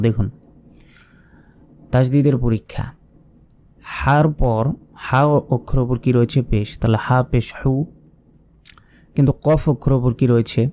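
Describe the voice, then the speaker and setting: A patient male teacher with a Bangladeshi Bengali accent, spelling out syllables one at a time and asking the class rhetorical questions. His voice is mellow and dark, at an ordinary male pitch, and he talks at a steady classroom pace. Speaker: Quran reading teacher. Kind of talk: slow spelling-out lesson.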